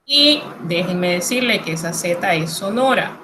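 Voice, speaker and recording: A woman's voice: on the low side, lively intonation, measured pace, noisy background. A woman teaching French pronunciation in Spanish, patient and reassuring as she explains each sound step by step. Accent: Latin American Spanish. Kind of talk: recorded lesson explaining pronunciation.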